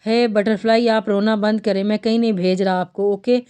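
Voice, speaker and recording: A woman voicing a possessive, doting young man in a romantic novel read aloud, in smooth clear tones. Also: mid-range voice, fairly even intonation, dark tone, natural voice. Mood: tender. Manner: tender, then coldly possessive.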